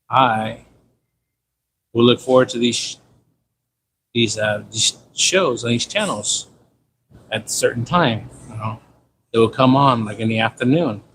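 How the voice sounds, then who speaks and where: Clear background noise accompanies this livestream host, a San Diego man in his fifties with a mid-range voice and a Californian American accent. He rambles through loose, slangy stories and repeats himself.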